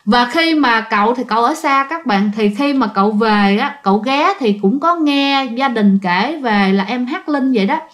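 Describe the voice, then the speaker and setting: Chatty woman storyteller for ghost story narration; high voice, speaks straight to the audience. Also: lively intonation, moderate pace, hardly any pauses, a bit bright. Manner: chatty, addresses listeners directly.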